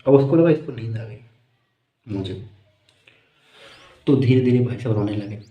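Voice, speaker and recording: A man's voice: medium pitch, moderate pace, echoey room, muffled recording, slight background noise. A man doing stand-up, telling a long comic story in a chatty, amused way. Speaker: stand-up comedian.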